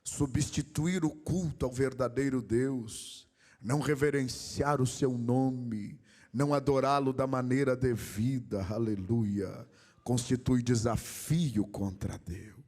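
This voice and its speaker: A male Brazilian pastor preaching a sermon, swinging between a sung, rising cadence and quiet asides. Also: mid-range voice, slow pace. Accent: Brazilian Portuguese.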